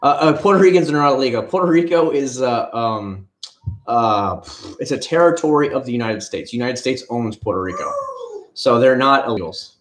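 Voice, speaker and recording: A man from Florida hosts a casual livestream, wandering from topic to topic and retelling what he told people. His voice sits at an ordinary pitch. The sound has a noticeable room echo. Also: normal speed. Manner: rambling, chatty, retells conversations. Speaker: livestream host. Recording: echoey room.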